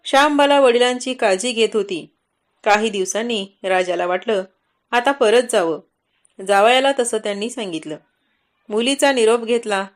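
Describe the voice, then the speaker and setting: A woman narrating a traditional devotional story in a measured, dramatic reading. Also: a little high.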